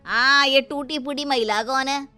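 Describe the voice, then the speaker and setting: A woman's voice: high voice, fairly even intonation, unhurried, sharp tone, soft background music. A woman voicing a rude, grumpy office clerk in a cartoon, speaking scornfully. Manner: scornful, snapping.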